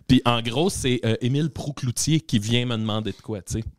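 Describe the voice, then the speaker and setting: A man's voice: medium pitch, a little fast, no echo, studio quality. A man with a Quebec French accent chatting casually and telling anecdotes, swearing and acting out dialogue as he goes. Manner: animated, swearing, acts out dialogue. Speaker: actor on a talk panel.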